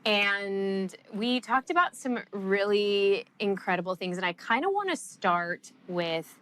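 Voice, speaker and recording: A woman's voice: mid-range voice, expressive, takes it slowly, fairly bright tone, clean tone. A woman hosting a podcast in a casual interview, upbeat and gushing. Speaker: podcast host.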